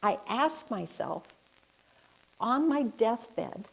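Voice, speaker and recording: Slow, earnest woman giving a reflective talk. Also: on the high side, animated, gravelly, slightly rough, rough recording. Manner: earnest, reflective, poses questions to the audience. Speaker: inspirational speaker and life coach. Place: spiritual center hall, indoors.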